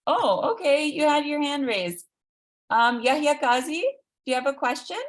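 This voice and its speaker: A woman with a high, expressive voice speaks unhurriedly while hosting a live online read-aloud event for children. She makes announcements in an informal way, addressing listeners directly.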